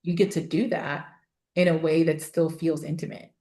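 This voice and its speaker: A woman guest on a podcast talking about voice and storytelling, emphatic and animated, with laughing asides. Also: sits low, moderate pace. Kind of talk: casual interview chat. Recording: roomy echo.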